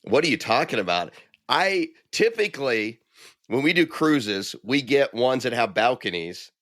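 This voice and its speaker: A man's voice: mid-range voice, a little slow, dry recording, studio quality. A middle-aged man and podcast co-host, chatting casually and telling stories, acting out the quoted voices. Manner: animated storyteller, acts out quoted voices. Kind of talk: casual chat.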